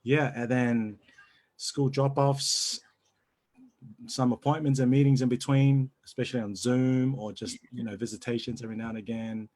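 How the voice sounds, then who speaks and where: A man's voice: medium pitch, fairly even intonation, moderate pace, a little mellow. A man in his thirties, born in New Zealand, a church pastor talking easily about his family and work in a casual interview. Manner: easygoing, laughs often. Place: home, video call.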